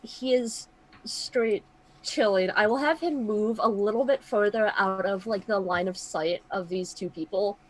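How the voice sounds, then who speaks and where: A woman's voice: medium pitch, unhurried, low-quality recording. Casting: female tabletop gamer, mid-range voice, chatty, works out her moves aloud in casual narration. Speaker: tabletop game player. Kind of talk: casual game chat and narration.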